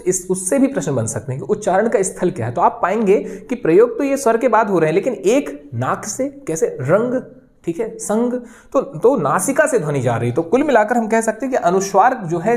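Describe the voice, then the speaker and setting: A man's voice: high-pitched, darkish tone. A man teaching an exam-prep grammar lesson. He explains step by step in a reassuring way and keeps checking that his students are following. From India. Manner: reassuring, repeats "okay" and "friends" often.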